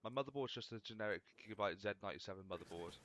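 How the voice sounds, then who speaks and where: A man's voice: on the low side, racing, fairly bright tone, slight background noise. A young man rambling casually through gameplay commentary, swearing freely as he chats. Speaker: gaming channel host.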